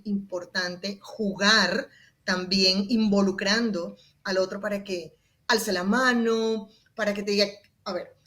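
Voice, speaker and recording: Expressive woman speaking coach. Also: mid-range voice. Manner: expressive, varies volume and tone to demonstrate. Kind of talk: interview guest explaining her method.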